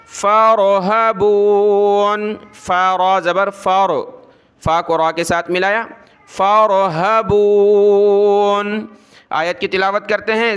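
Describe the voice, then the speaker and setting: A man teaching Quran recitation, slowly chanting verses and breaking them into letters with quick spoken instructions. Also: high-pitched, fairly bright tone, smooth. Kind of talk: slow recitation lesson with spoken explanations.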